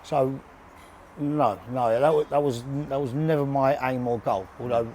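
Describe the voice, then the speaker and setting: Indoors at a gym, a bare-knuckle boxer in his forties from west London and Surrey chats bluntly as an interview guest, with a London accent, often repeating words and restarting. His voice is mid-range, warm, and a little slow, with slight background noise.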